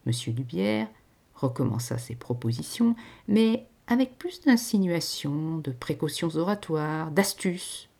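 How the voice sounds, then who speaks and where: A woman reading a classic short story aloud in an expressive, varied storytelling manner. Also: lowish voice, vocal fry, husky. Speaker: narrator. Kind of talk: literary reading.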